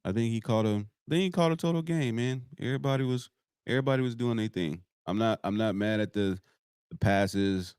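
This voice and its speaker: A man co-hosting a podcast, giving relaxed sports opinions with plenty of fillers. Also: lowish voice, smooth, dry recording, clean studio sound. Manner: relaxed, drawn-out, many fillers. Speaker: podcast co-host. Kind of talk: casual sports chat.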